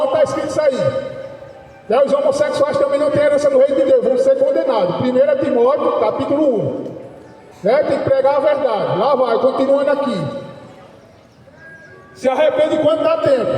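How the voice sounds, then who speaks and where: A man preaches a fiery street sermon in a very high, mellow voice. He shouts his points and keeps checking in with a questioning "né?". The sound is distant and heavily echoey, with a long reverb and faint ambience behind him. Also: brisk. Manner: shouting, insistent, repeats "né?".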